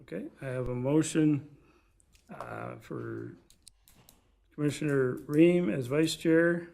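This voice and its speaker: A man with a measured, gravelly delivery, speaking formally as the chair of a commission meeting. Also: fairly high pitch, very animated, warm tone. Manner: measured, procedural. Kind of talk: formal procedural meeting talk. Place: public meeting room.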